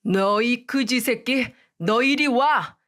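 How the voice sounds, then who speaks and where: A woman voicing an arrogant middle-aged man who sneers and yells in a radio story. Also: on the high side, a little slow. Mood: enraged. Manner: sneering, contemptuous, yelling.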